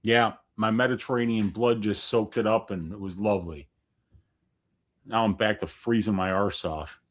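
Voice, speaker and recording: A man's voice: fairly low pitch, steady tone, moderate pace, fairly bright tone. A man co-hosting a live fight watch-along, a little tipsy, joking around in casual banter. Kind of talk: casual live-stream chat.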